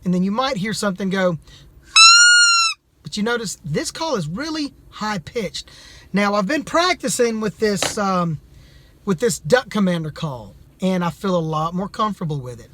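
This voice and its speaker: A man's voice: high voice, expressive, normal speed, very noisy. A man speaking in a plain, folksy way as he gives a casual, slightly hesitant product demonstration. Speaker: amateur duck hunter reviewing calls.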